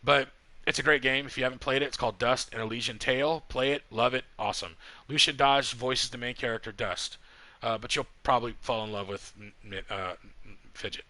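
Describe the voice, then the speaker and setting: Bright-voiced profane male storyteller. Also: mid-range voice, a little fast, no room sound. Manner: profane, animated, quotes others heatedly. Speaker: podcast host telling a story while playing a game. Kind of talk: casual storytelling.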